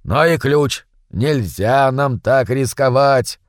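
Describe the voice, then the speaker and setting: A man's voice: medium pitch, slow, no room sound, clean studio sound, lightly acted. A man voicing a grumpy, cautious small brother who grumbles and wants to flee. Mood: grumbling. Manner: grumbling, pessimistic.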